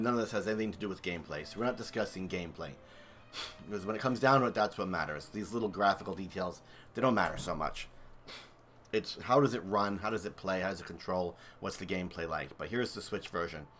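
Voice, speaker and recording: A man with a low-sitting, slightly bright voice streams a video game comparison. His casual gameplay commentary is chatty and enthusiastic, and he thinks out loud as he goes.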